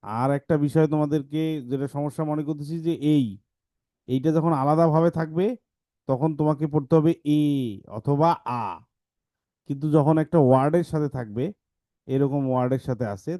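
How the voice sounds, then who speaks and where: Male teacher, patient explainer, mellow voice, dry close sound. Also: a little high, dry recording. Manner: explains patiently, reads examples slowly. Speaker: English teacher. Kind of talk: online class talk to kids.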